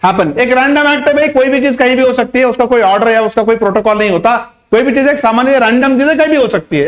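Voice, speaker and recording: A man tutoring English vocabulary in Hindi, explaining each word and reading English example sentences slowly and deliberately. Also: extremely high pitch, fairly bright tone. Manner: emphatic, repeats points with rhetorical questions.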